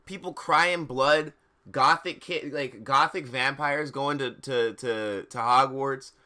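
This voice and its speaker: On a live stream, a man alternates between dramatic reading and casual, slangy commentary, often halting, repeating words and sounding exasperated. His voice is medium-pitched with a sharp tone.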